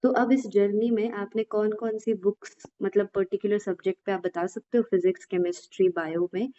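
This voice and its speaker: A woman's voice: medium pitch, fairly even intonation, moderate pace, mellow. A woman hosting a podcast, asking questions and encouraging the guest with frequent agreeing murmurs. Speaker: podcast host. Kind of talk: casual interview questions. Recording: dull, lo-fi audio.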